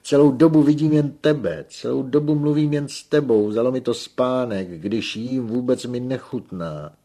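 A man voicing a desperate, lovesick young peasant who pleads loudly and tearfully. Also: mid-range voice, natural voice. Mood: desperate pleading.

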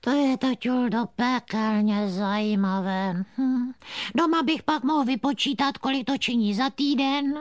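A man's voice: extremely high pitch, dry recording, clean studio sound, pitched above the performer's own voice. A man voicing a naive, cheeky little boy puppet in a comic puppet theatre dialogue. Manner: innocent, cheeky wordplay.

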